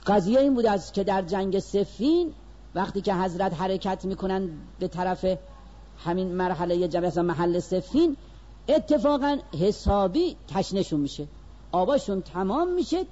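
A man giving a religious lecture, telling a story with animated delivery that moves between slow, stressed phrases and quick asides. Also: sits high, highs cut off.

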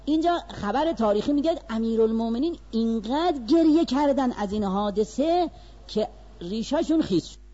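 This religious lecturer preaches through a story, his high voice jumping up and down as he narrates. Animated throughout, he dwells on slow, weighty phrases, then hurries through asides, all captured in dull, lo-fi sound.

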